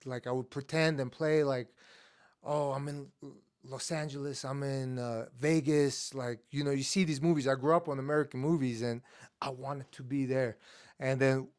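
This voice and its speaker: An Armenian-born MMA fighter from Estonia tells stories as a guest in a casual interview, speaking in a smooth, mid-range voice at a moderate pace. He's relaxed and uses many fillers, acting out his younger self with rising excitement.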